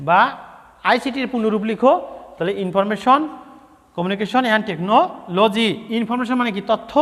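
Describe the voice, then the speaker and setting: A high-voiced man teaches young children in a classroom, repeating key terms and spelling words out letter by letter. His voice carries a long reverb from the room around him. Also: sharp tone. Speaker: primary school science teacher.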